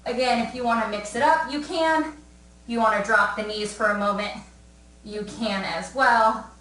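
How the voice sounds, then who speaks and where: A woman's voice: a little high, moderate pace, a bit bright. A young woman leading a live workout class from home, encouraging and counting down, a little out of breath. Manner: upbeat encouraging coaching, counting down. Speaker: fitness instructor. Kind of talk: live fitness class cues. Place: room at home. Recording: echoey room, mic at a distance.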